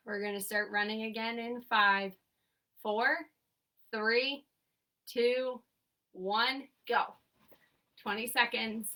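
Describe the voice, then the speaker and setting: Leading a seated exercise class remotely from home, a young woman counts repetitions and offers brief, upbeat coaching cues. Picked up from a distance by the mic, her voice is fairly high and sharp in tone, with fairly even intonation, a slow pace and frequent pauses.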